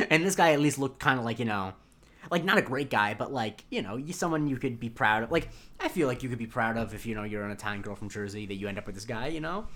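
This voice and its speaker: Fast and lively, a man with a medium-pitched, somewhat bright voice co-hosts a podcast and recaps an episode. The talk is casual and rambling, packed with fillers and restarts.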